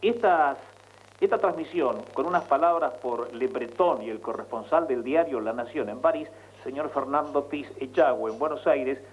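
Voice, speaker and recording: A radio announcer and guest correspondent with a Rioplatense Spanish accent tells radio anecdotes over a live link. His voice is medium-pitched and moderately paced. The link is muffled and noisy, with an audible hum.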